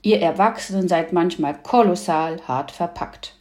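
A woman's voice: on the low side, a little slow, a little mellow, lightly acted. A woman doing a cheeky sassy girl. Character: cheeky lively young girl cousin.

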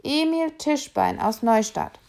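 A woman's voice: high-pitched, expressive, slow pace, vocal fry, a little mellow, pitched above the performer's own voice, full character voice. A woman reading aloud, voicing a worried young boy who pleads and stammers with a raised, earnest voice. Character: young boy alone in the big city, anxious but proud. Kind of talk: audiobook reading.

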